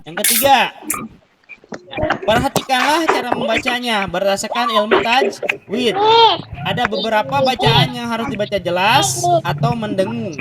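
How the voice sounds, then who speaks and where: Over a video call thick with loud hiss and clicks, a man teaches an online Quran recitation class. His very high-pitched, animated voice keeps a normal speed as he patiently explains and draws out each recited example.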